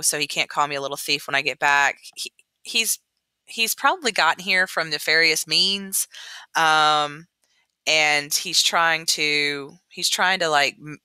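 A woman's voice: low voice, sharp tone, clear, resonant tone, no room sound. A woman teacher casually walking students through a novel's pages, talking loosely with many ums and restarts. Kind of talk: casual literature lesson walkthrough. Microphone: computer mic, screen recording.

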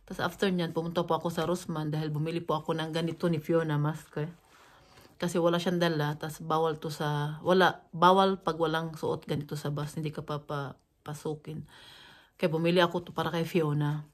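Cebuana lady vlogging, kinda low voice, going on and on all annoyed and restarting a lot. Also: flat delivery, fairly quick. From Cebu, Philippines. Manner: indignant, rambling retelling with many restarts. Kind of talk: casual storytime vlog.

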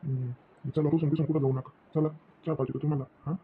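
A man's voice: on the high side, flat delivery, quick pace, slight background noise, close to an everyday voice. A man playing a pushy lecherous old man. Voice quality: wheedling, coaxing. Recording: dull lo-fi recording with faint music.

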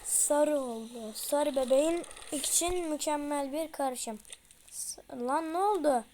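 A young woman plays a horror game and talks to the screen, with a high voice and an unhurried pace. She chats casually in slang and breaks into panicky outbursts. Faint noise sits behind her. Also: warm tone. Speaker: gameplay streamer.

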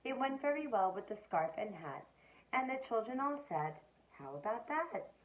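A teacher reading a picture book aloud to children, expressive and asking them questions along the way. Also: female voice, a little high, normal speed. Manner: expressive, asks listeners questions. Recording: tinny phone-like sound.

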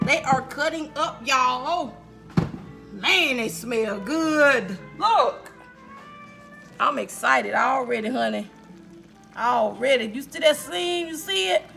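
Her voice sits high and sounds animated, bright, and forceful, yet she takes it slowly, with creaky fry and long pauses. She's a cooking vlogger talking casually to viewers in her home kitchen, chatty and folksy, addressing them as y'all. The camera sits on the counter and gets moved around, and the echoey room has music in the background.

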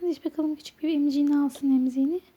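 A woman chatting casually as she plays along with a child, coaxing and gently instructing as a mother does. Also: high voice, steady tone, rapid-fire. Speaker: mother playing a game with her child on a channel. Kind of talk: casual play-along chat.

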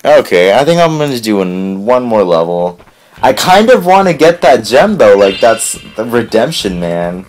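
A man hosting a let's play who rambles casually, gets excitable and swears when things go wrong, and whose voice is strained from recently losing it. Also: medium pitch, normal speed, soft background music. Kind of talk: casual gameplay commentary.

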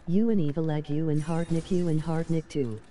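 A synthetic text-to-speech voice of a woman, reading out stream chat messages in a robotic monotone. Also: sits low, moderate pace, a little hiss or hum. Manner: monotone, reads every message in the same even tone. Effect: text-to-speech computer voice.

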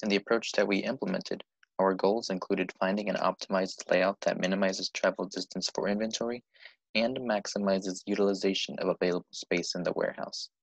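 A man student presenter explaining his team's project approach in a measured way. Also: low-pitched, fairly even intonation, vocal fry, dry recording, low-quality recording.

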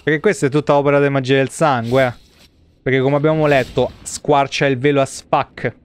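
A game streamer in his thirties with a Roman Italian accent gives casual, rambling live gameplay commentary full of swearing from a small indoor streaming room. His mid-range voice is clear and resonant, a little fast, with fairly even intonation.

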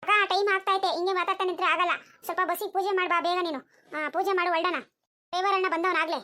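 A bossy, chattering village mother in a comedy cartoon, voiced by a woman. Her voice is squeaky and very high, the words spilling out at a sped-up rush. She fires off orders without a pause. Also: little pitch movement, pushed and bright. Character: bossy middle-aged village mother organizing a trip. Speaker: cartoon character.

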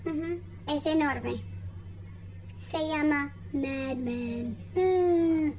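Playful female teacher-storyteller, high and very slow for learners. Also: slight background noise. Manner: playful, animated, laughs often, very clear. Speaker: Spanish teacher telling a story.

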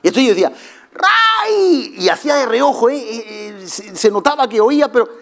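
A middle-aged man preaching a sermon as pastor, telling jokey stories with shouted asides. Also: high voice, fast, a little hiss or hum.

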